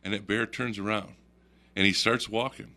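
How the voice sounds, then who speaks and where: A man with a somewhat low but bright, forward voice tells a story on a radio talk show. He is an animated teller who laughs often and acts out the voices in his tale. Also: normal speed. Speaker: guest storyteller.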